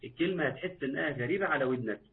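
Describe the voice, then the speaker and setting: A man's voice: on the high side, rapid-fire. Egyptian man teaching recitation over a tinny line. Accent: Egyptian Arabic. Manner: patient, repeats words and quizzes viewers. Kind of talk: live online recitation lesson.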